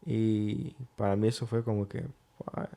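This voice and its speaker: A man co-hosts a relaxed conversation and tells his part of the story at an easy pace. He slips English words into his sentences, and his voice sits at a middling pitch. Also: normal speed. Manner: relaxed, drops English phrases into his speech. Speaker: co-host. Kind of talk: casual testimony storytelling.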